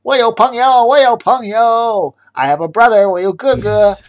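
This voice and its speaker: A man doing a loud boastful villain chef. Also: high voice, little pitch movement, slow pace, voice pushed up. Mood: gloating. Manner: yelling, gloating, cackling.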